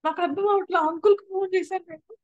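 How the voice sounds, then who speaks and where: A woman's voice: very high voice, fairly even intonation, fast, darkish tone, dry recording, dull audio. A young woman giving an earnest personal testimony at a prayer house, often repeating and restarting her phrases. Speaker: church testimony speaker.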